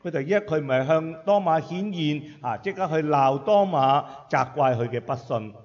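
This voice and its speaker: A man's voice: fairly high pitch, lively intonation. Male sermon interpreter in an echoey hall. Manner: measured, with frequent filler sounds between phrases. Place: church hall. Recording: echoey hall, dull sound.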